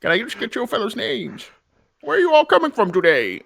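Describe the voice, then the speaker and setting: A man's voice: extremely high pitch, huge pitch swings, fairly quick, creaky, fairly bright tone, pitched above the performer's own voice, heavily acted. A man voicing a jovial, whimsical old codger who repeats himself, in tabletop game role-play.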